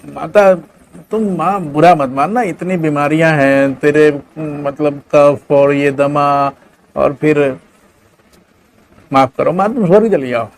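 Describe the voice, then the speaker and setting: A man voicing a selfish, impatient grown son who talks in loud, pleading excuses. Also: a little high, takes it slowly.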